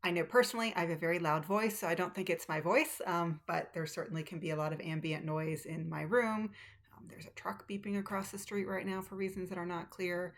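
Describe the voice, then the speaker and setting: Talking to camera about her cross stitch, a woman rambles casually with ums and restarts, recorded at home on a tablet's built-in mic with no external microphone. Her voice is fairly low and evenly intoned, and she speaks fairly quickly.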